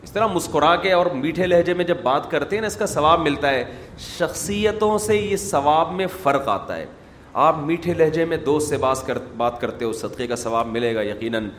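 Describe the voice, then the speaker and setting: A man preaching a sermon, telling stories with sharp swings between loud and soft. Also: on the high side. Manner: animated storytelling with sharp swings in loudness. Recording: echoey hall with faint noise.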